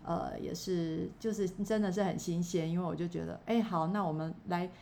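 A woman's voice: lowish voice, fairly even intonation, normal speed, vocal fry, mellow, a little hiss or hum. Hesitant woman, chatty. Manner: hesitant, many fillers and restarts. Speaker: songwriter and church worker. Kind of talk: casual faith chat.

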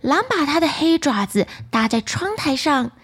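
A woman with a Taiwanese Mandarin accent, narrating a bedtime story for children in a lively, expressive way. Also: high voice, normal speed.

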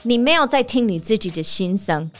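A woman from the United States, a native English speaker, hosting a casual podcast monologue, telling stories in an animated way and laughing often. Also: mid-range voice, a little fast, soft background music. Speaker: podcast host; teacher and performer.

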